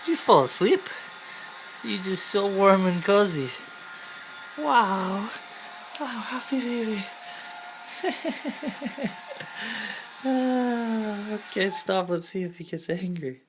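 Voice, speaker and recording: A woman coos to her baby in drawn-out, sing-song baby talk, her pitch rising and falling a great deal. She speaks very slowly and softly at home, with faint background noise behind her. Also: animated. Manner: soft, cooing and sing-song. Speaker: mother talking to her baby.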